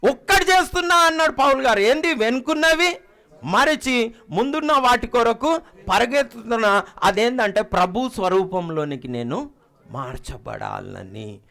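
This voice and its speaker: A middle-aged man preaching a sermon, emphatic, swinging between loud exhortation and quiet low asides and calling out questions to the congregation. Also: animated, a little slow, vocal fry.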